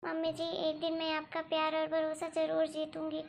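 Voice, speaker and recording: A woman voicing an eager young newlywed bride in an animated story, sweet and pleading. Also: sits high, moderate pace, vocal fry, slight background noise. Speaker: daughter-in-law.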